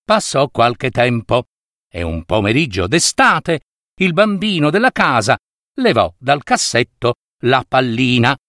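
A man's voice: mid-range voice, very animated, a little slow, pushed and bright, no echo, clean studio sound. A man narrating a fairy tale in a theatrical way with playful asides. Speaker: storyteller. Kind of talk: expressive storybook narration.

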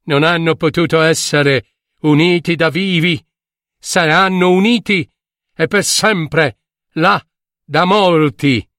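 A man voicing a troubled, gentle king who muses aloud. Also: on the high side, slow, no echo, studio quality, pitched above the performer's own voice. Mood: musing.

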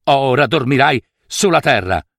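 A stern middle-aged father from a storybook, read by a man, with a harsh, firm way of speaking. The voice has a lively pitch and sits close to the mic in a dry sound. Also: moderate pace, vocal fry, no room sound. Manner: harsh, then imploring.

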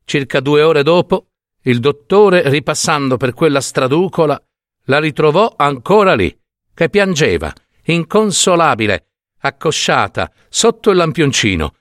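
A man narrating a classic short story in an expressive, theatrical reading. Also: fairly high pitch, a little slow, no echo, clean studio sound.

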